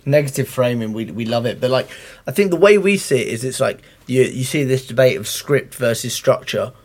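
A man in casual podcast chat who talks haltingly and fills his speech with "like" and "it's like". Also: mid-range voice. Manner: halting, lots of "it's like" fillers.

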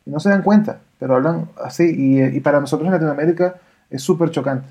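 A woman, chatting on a podcast as co-host, opinionated and animated. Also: sits low, fast talker. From Venezuela. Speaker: podcast co-host, audio engineer. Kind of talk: casual podcast chat. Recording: dull lo-fi audio.

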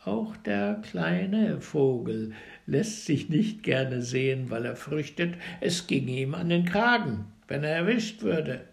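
A man tells an old fairy tale slowly and with a lively, swinging melody, sometimes sinking to a near whisper. His fairly high voice has a gravelly, creaky texture. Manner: expressive, dramatic storytelling with hushed passages. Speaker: storyteller.

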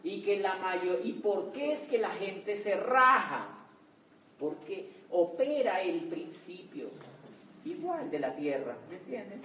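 A man with a Colombian accent, giving an animated motivational training talk as a network marketing trainer, telling stories with emphatic repetition. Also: high voice, slow, roomy sound, recorded from a distance, a little hiss or hum, poor audio. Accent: Colombian Spanish. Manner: animated, emphatic storyteller with repeated words.

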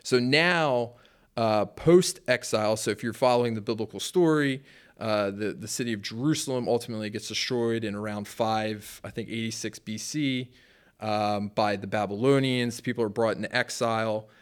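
A young man with a fairly low voice talks through church history on a podcast. He rambles, restarts and leans on fillers like "you know" and "like", keeping it loose and conversational. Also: normal speed, clean tone. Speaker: pastor and podcast co-host. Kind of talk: casual podcast discussion.

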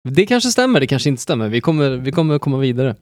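A man's voice: mid-range voice, big pitch swings, no echo, studio quality. A man in his thirties hosting a film podcast, joking and rambling with lots of fillers and restarts. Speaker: podcast host. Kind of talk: casual film podcast chat.

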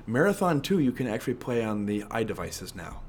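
A man's voice: lowish voice, very animated, fairly quick, darkish tone, a little hiss or hum. A man co-hosting a casual gaming podcast, talking eagerly with some hesitations. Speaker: podcast co-host. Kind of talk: casual chat.

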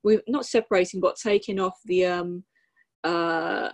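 A woman talking casually on a podcast, thoughtful and wry, often pausing with ums. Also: on the low side. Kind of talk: casual chat.

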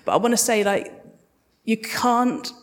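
A woman with a slightly high voice and an unhurried pace takes audience questions as a guest sound designer on a live panel. She talks conversationally from a live podcast festival stage, and the hall around her is reverberant.

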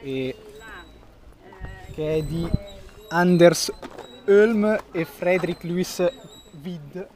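A man's voice: sits high, extremely slow, long pauses, darkish tone. Hesitant man describing a film. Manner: hesitant, many fillers and restarts, searching for words. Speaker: film podcast co-host. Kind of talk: casual film review chat.

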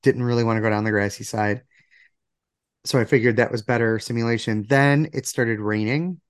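A man with a gravelly voice, still recovering from illness, chatting casually as a podcast co-host. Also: medium pitch, fairly even intonation, brisk, no echo, clean studio sound. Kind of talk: casual banter.

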